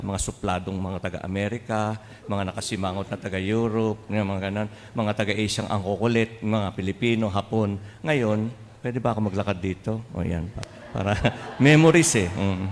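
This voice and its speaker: Older Filipino priest preaching in a hall. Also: male voice, fairly low pitch, normal speed, slight background noise. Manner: humorous, animated storyteller who mixes in mimicry and chuckles. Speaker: priest and seminary formator. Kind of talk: homily with personal storytelling. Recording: long hall reverb, faint ambience.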